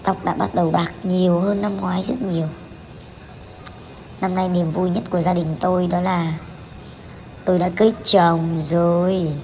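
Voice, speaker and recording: A woman's voice: fairly low pitch, flat delivery, moderate pace, pauses often, warm tone, a little hiss or hum. A woman in her thirties narrating a family vlog as voice-over, candid and chatty, with many fillers and restarts. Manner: candid, chatty, with frequent fillers and self-corrections. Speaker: vlogger.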